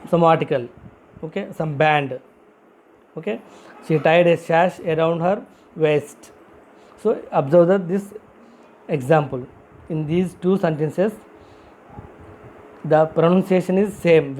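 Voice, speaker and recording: A man's voice: fairly high pitch, warm tone, poor audio. A man teaching a vocabulary lesson, spelling words out letter by letter and repeating each example sentence. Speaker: English teacher.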